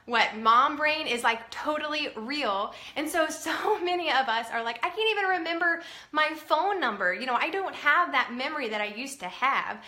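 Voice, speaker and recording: A woman in her thirties talks casually and cheerfully to camera from home, full of fillers and asides. Her voice is bright and a touch high. The room around her rings with echo. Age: 30s. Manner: chatty, upbeat, many fillers. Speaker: vlogger. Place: at home indoors.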